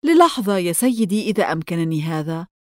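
A woman's voice: lowish voice, very animated, fast talker, a little mellow, no echo, studio quality. A woman reading the lines of a polite, deferential male head clerk who studies handwriting, in a storybook. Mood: respectful. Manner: polite, respectful.

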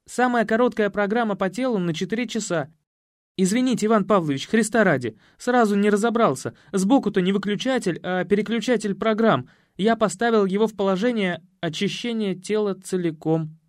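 A man voicing a fussy, apologetic male secretary in an audiobook, talking quickly and anxiously. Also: high voice, no room sound, clean studio sound, pitched above the performer's own voice, close to an everyday voice. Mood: flustered. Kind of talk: audiobook character voice.

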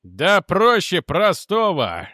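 A man voicing a drunk, brash colonel who shouts and jeers loudly. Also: high-pitched, wildly swooping pitch, slow pace, no room sound, clean studio sound, pitched above the performer's own voice, exaggerated voice. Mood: drunken jeering. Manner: loud, jeering shouting. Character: drunk, brash middle-aged male colonel.

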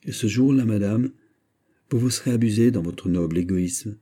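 A man's voice: on the low side, fairly quick, warm tone, husky. A man playing a proud, ardent minister. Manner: ardent, declamatory. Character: powerful male minister, passionate and proud. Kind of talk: audiobook character reading.

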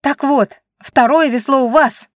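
An impatient young woman on a quest argues loudly and insistently, exasperated at every delay, as a narrator voices herself in an audiobook. The sound is dry and close, with no room around it. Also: high voice, unhurried, no echo, voice pushed up. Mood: shouting. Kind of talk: audiobook reading.

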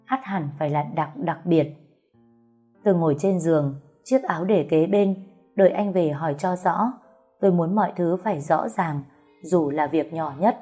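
A woman reading a first-person story aloud, softly, voicing the dialogue now and then. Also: lowish voice, normal speed, breathy edge. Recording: faint music behind.

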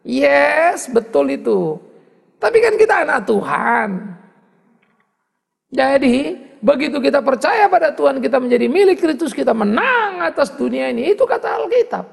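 Gravelly preacher in an echoing hall. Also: male voice, extremely high pitch, moderate pace. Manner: animated preaching, mocking asides and rising exclamations. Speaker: pastor. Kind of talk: sermon. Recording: long hall reverb.

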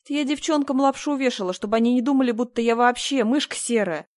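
A woman narrator voicing a young married woman, a gentle friend who talks softly and pleads close to tears. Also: on the high side, fast, no room sound, pitched above the performer's own voice, lightly acted. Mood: brisk.

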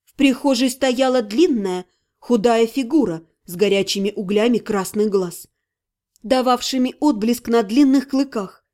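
A woman narrating a first-person fantasy audiobook in an expressive storytelling manner. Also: fairly high pitch, unhurried. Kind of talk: scripted narration.

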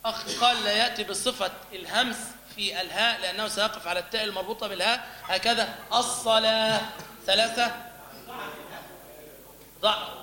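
A religious teacher with an Egyptian accent, his high voice pushed and bright, lectures on recitation of the call to prayer. He demonstrates the chanted lines and quizzes his class, recorded in an echoey hall with an audience present.

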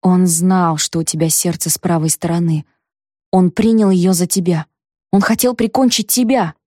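A woman reading aloud and voicing a calm, grave female friend who speaks low and deliberately. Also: dry recording, studio quality, natural voice.

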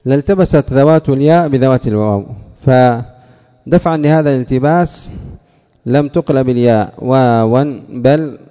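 Male teacher, gravelly tone, drills students with repeated questions; muffled recording in a reverberant hall. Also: mid-range voice, mellow. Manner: asks questions and answers them himself, repeats key words; addresses a student by name. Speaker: teacher of Arabic morphology. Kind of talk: classroom lesson explaining a text.

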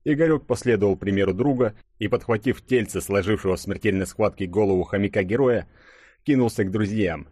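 Low-voiced male audiobook narrator. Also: darkish tone, slightly rough, no echo, studio quality. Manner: dramatic, measured storytelling.

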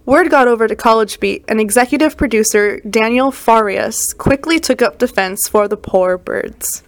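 A woman reporter reading scripted narration in an even delivery. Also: fairly high pitch, moderate pace, no echo. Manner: even, read-aloud delivery. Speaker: student news reporter.

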